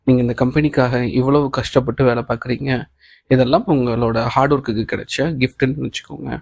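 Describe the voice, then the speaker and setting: A man's voice: mid-range voice, quick pace, creaky, no echo. A man reading a kind, encouraging boss. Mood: reassuring. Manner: calm, reassuring talk mixing English phrases. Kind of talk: audiobook reading of a novel.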